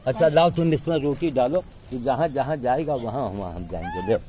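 Man coaxing monkeys outdoors, lively pitch. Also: normal speed. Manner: coaxing, calls animals with repeated sounds. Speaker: vlogger feeding monkeys. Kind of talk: casual outdoor vlog chat.

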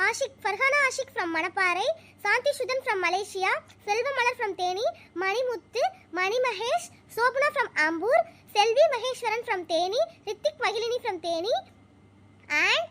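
A woman's voice: very high-pitched, noisy background. A woman hosting a cartoon channel, cheerfully announcing winners in a video intro. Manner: upbeat, announcing. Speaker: channel host.

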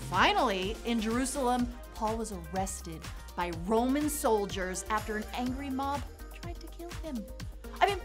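Woman, kids' Bible lesson, lively storytelling, music behind. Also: fairly high pitch, moderate pace. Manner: animated storytelling. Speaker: children's church teacher. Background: background music.

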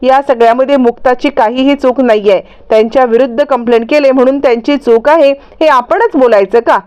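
An earnest young husband standing up for his wife, voiced by a woman narrator. He argues firmly. The voice is high and clear. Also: a little fast, darkish tone, lightly acted. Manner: firm, earnest.

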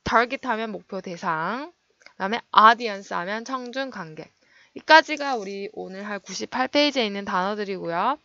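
A woman English teacher giving an online lecture, explaining word meanings and stress and modeling pronunciation slowly. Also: medium pitch, bright, forceful tone, no room sound, dull audio.

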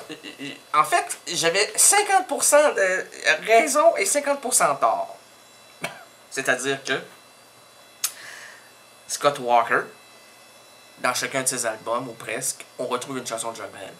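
A man's voice: a little high, big pitch swings, unhurried, pauses often, bright, forceful tone, a little hiss or hum. A middle-aged man with a Québécois accent, hosting a radio show and joking through a one-sided phone call, playful and self-mocking with many fillers and puns. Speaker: radio host. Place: radio studio.

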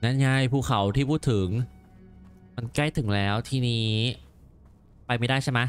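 A man commenting on a game as he plays, exclaiming and repeating words in quick excited bursts. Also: medium pitch, clean tone, soft background music. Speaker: gameplay commentator. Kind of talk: let's play commentary.

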